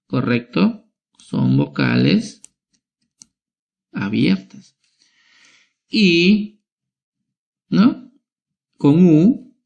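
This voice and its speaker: A man's voice: medium pitch, vocal fry, a little mellow. A male schoolteacher giving a lesson to young children, spelling out words syllable by syllable and checking in with short tag questions.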